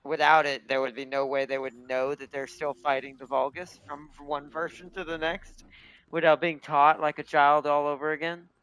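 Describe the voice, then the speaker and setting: A man's voice: a little high, little pitch movement, normal speed, a bit bright, clean tone, low-quality recording. A man hosting a gaming video with casual, rambling commentary, thinking aloud as he plays. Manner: rambling, thinking aloud about game lore.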